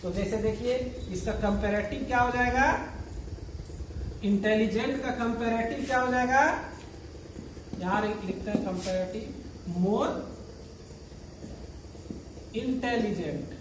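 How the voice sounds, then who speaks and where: A male teacher talks through a grammar lesson at an unhurried pace, throwing out questions and then answering them himself. He repeats each word patiently, one step at a time. His voice comes from a few steps off the mic in a roomy, echoing classroom with a faint hiss underneath. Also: high voice. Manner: repeats and spells out words patiently. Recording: echoey room, voice from far off.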